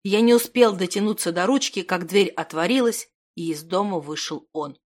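A woman narrating a fantasy audiobook in first person, in a steady, measured reading. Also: lowish voice. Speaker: audiobook reader.

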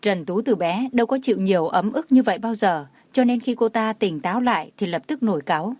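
A woman narrating a dramatic story as an audiobook in a steady reading voice. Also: medium pitch, brisk, no echo.

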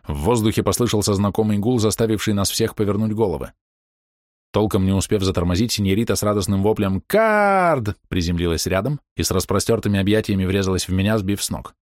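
A man narrating an audiobook in an expressive storytelling manner. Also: fairly low pitch, fast, no echo, studio quality. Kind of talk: scripted narration.

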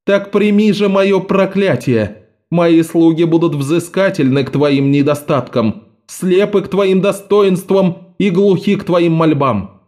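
A man voicing a haughty, contemptuous woman judge in a red robe, with a much higher, proclaiming voice. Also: a little slow, a little mellow.

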